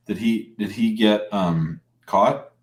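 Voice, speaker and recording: A man's voice: lowish voice, takes it slowly, crowd noise. A man hosting a live call-in show in a casual, informal and blunt way, often restarting his sentences. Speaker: live show host and lawyer. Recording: roomy, echoing sound.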